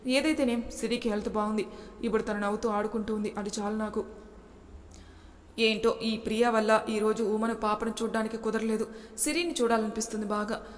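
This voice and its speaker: Worried young guy thinking out loud, woman doing the voice, kinda high, reverby room. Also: fairly even intonation, brisk, lightly acted. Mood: longing. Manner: worried, earnest inner musing. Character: young man, anxious and longing office worker. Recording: long reverb echo.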